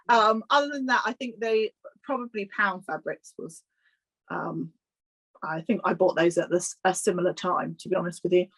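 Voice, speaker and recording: A woman in her thirties, a guest on a video-call interview, speaking in a relaxed, hesitant way with frequent ums and small laughs. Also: on the low side, normal speed, breathy edge, low-quality recording. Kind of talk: casual interview chat.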